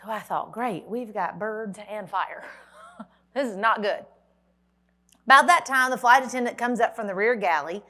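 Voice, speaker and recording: A woman's voice: mid-range voice, moderate pace, pushed and bright. A woman, giving a motivational keynote at a conference and telling a dramatic story with wry humor. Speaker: motivational speaker. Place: conference hall.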